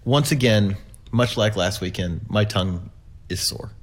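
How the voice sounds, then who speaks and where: A man's voice: fairly low pitch, measured pace. A man co-hosting a podcast with playful, jokey casual chat, recorded in a big, echoey, cavernous room. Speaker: podcast co-host.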